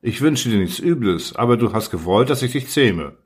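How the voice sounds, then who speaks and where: A man voicing a small, gentle, sad boy prince in an audiobook reading, plaintive and questioning, slightly husky. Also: medium pitch, expressive, normal speed, pitched above the performer's own voice. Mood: reproachful.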